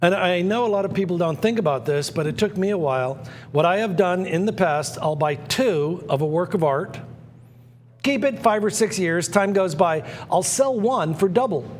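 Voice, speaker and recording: A man's voice: sits high, lively intonation, moderate pace, in a large hall. A man hosting a live auction, talkative, mixing casual chat with sales patter and repeating phrases for emphasis.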